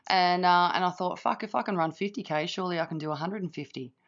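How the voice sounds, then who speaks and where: Hoarse aussie woman in her late 40s, kinda low voice, chatty with lots of ums, muffled lo-fi audio. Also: fast talker. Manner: laughs often, chatty with many fillers. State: hoarse from yelling. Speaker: guest ultra runner. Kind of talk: casual chat.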